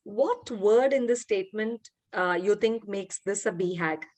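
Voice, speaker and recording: A woman's voice: medium pitch, measured pace. Woman leading an online workshop. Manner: warm encouraging, asks participants questions. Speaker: workshop facilitator and founder. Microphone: video call.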